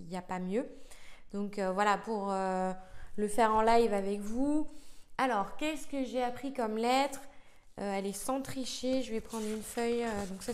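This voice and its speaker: Slow-talking woman thinking aloud. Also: on the high side. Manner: thinking aloud, hesitant with many fillers. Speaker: language-learning vlogger. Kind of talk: casual live learning vlog.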